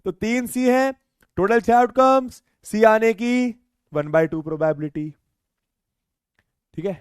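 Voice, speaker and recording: A man's voice: high-pitched, slow, clear, resonant tone, dry recording, clean studio sound. A man teaching maths in a live online class, joking and teasing his students and mixing in English phrases.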